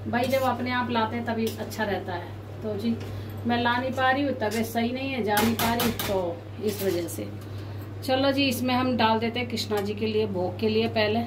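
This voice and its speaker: A woman chatting casually to her viewers in a home vlog, speaking slowly because of sore mouth ulcers. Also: a little high, steady tone, echoey room, far from the mic, noisy background. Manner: chatty, often addresses viewers as guys. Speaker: family vlogger.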